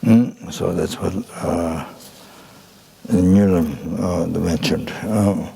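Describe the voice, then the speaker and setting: An older man from Nepal, giving a Buddhist teaching in a halting way full of fillers and restarts. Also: deep voice, vocal fry, mellow, slightly rough. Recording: hall reverb.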